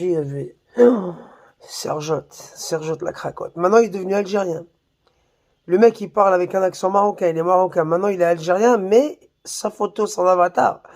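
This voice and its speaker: A man with a high, gravelly voice tears into a rival in a slangy, mocking rant. He swears freely and talks straight to the camera in a casual vlog. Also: darkish tone. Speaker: YouTuber. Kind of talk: heated insulting rant to camera.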